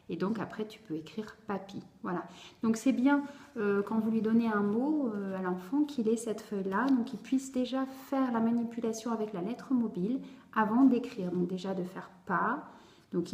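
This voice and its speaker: A woman explaining step by step how to teach a child to read syllables, patient and careful, often pausing on fillers. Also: mid-range voice, darkish tone. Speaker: teacher explaining reading method. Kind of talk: instructional video lesson. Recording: echoey room.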